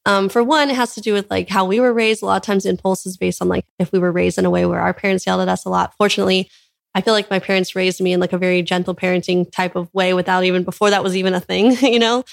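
A woman's voice: medium pitch, steady tone, quick pace, gravelly. A young woman from California, a mother of young children, talking earnestly in a casual interview, with lots of "like" in her speech. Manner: earnest, filler-heavy with frequent "like". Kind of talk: casual conversation.

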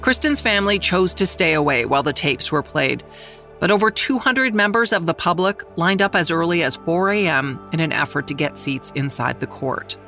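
A middle-aged reporter tells a true-crime story in a measured, somber scripted narration. The voice has a gravelly edge and a bright, forward tone. A faint music bed sits under the voice. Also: medium pitch, lively intonation. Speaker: journalist who covered the trial, narrating.

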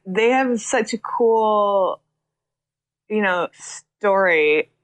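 A woman singer-songwriter in a casual interview, talking in a lively way with frequent laughs and fillers like "you know". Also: medium pitch, very slow. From Chicago area. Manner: lively, laughs often, uses many fillers.

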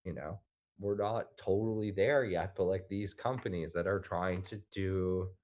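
A man with a notably low, deep voice speaks as a podcast guest. He talks with passion in a casual, conversational way. He leans heavily on "like" as a filler word. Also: fairly even intonation, measured pace, darkish tone. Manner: impassioned, heavy use of "like" fillers.

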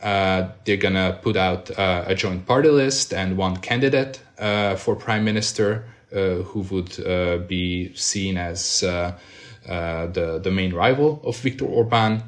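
A man's voice: deep voice, unhurried. A man, a journalist giving hesitant, explanatory interview answers as he searches for words. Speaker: investigative journalist guest.

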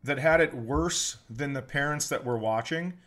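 On a comedy podcast, a middle-aged American man casually tells stories, ranting in exasperation and swearing freely. His mid-range voice is a bit bright, at a moderate pace.

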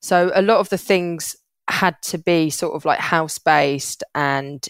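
A young woman talks as an interview guest in an earnest, chatty way, often breaking off and restarting. Her voice sits low for a woman. The sound is close and dry. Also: measured pace, clean tone, no echo. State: getting emotional. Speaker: podcast guest, parenting hack creator. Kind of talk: casual interview chat.

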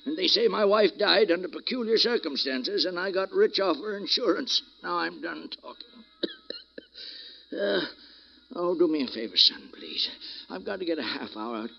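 A feeble old crook in a dull, lo-fi vintage radio play, his voice high, gravelly and swooping wildly. He rambles drowsily and sounds frightened. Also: expressive, normal speed, exaggerated voice. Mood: frightened rambling. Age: older. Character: frail, frightened old male ex-gangster. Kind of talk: 1940s radio acting.

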